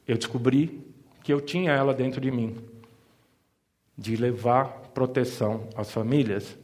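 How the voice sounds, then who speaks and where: A middle-aged Brazilian insurance advisor with São Paulo's Italian-influenced Mooca accent shares a personal family story with an audience, tossing in joking asides. His voice is medium-pitched and slightly mellow.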